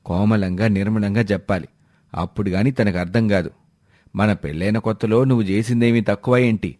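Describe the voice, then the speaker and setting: A man voicing a good-humoured middle-aged father-in-law who speaks gently and teases his wife, in a storybook. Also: fairly low pitch, brisk, no echo, studio quality, natural voice. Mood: teasing. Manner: gentle, mildly teasing. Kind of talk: storybook voice acting.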